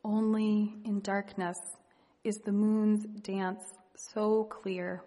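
A woman leading a guided meditation and reading reflective poetry in a hushed, gentle, unhurried manner with long pauses. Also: mid-range voice, little pitch movement. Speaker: meditation leader. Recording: long reverberant hall echo.

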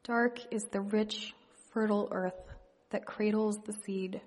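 A woman leading a guided meditation and reading reflective poetry in a hushed, gentle, unhurried manner with long pauses. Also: medium pitch, steady tone. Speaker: meditation leader. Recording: long reverberant hall echo.

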